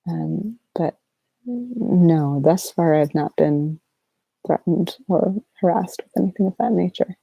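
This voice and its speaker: A sleep-deprived woman chatting softly and casually as an ASMR livestream host, in a halting, low-energy, rambling way. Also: vocal fry, breathy edge, no room sound, lo-fi sound. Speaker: ASMR artist hosting a livestream Q&A.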